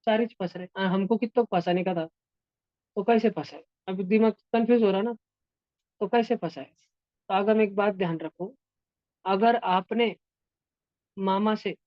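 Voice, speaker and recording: A man's voice: sits high, no echo, highs cut off. Patient man teaching math. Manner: patient, repeats steps and keeps checking if students follow. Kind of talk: classroom lesson to online and offline students.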